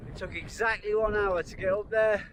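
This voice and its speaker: Man, fairly high voice, hiking vlog narration, chatty and informal, light outdoor wind noise. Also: fairly even intonation, brisk. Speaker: hiking vlogger. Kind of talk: casual walk-along vlog narration. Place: outdoors on open moorland hills. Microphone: handheld camera.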